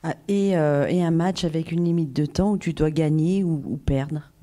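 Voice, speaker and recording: A woman doing live consecutive interpreting, halting as she searches for words. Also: low-pitched, warm tone.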